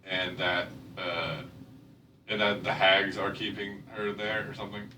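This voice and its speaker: A man's voice: lowish voice, little pitch movement, a little slow, pushed and bright. A man playing a tabletop game, speaking casually and hesitantly, often repeating his words. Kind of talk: casual chat. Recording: roomy, distant mic with faint noise.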